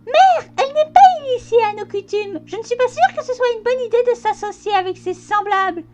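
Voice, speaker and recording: Woman doing an excitable squeaky young colt. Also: brisk. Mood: pompous. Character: eager excitable young colt, hat-loving gamer.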